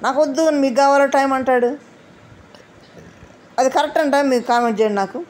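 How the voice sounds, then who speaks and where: A woman's voice: high-pitched, fairly quick, a little mellow. A woman giving casual commentary on a reality show, chatty and often asking viewers to leave comments.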